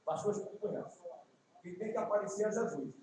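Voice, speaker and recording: A man from Ceará in his fifties, with a Northeastern Brazilian accent, preaching an evangelistic sermon with folksy asides and slow, emphatic lines. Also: high voice, a little mellow, a little hiss or hum. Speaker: guest preacher. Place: church sanctuary. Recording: echoey distant church livestream.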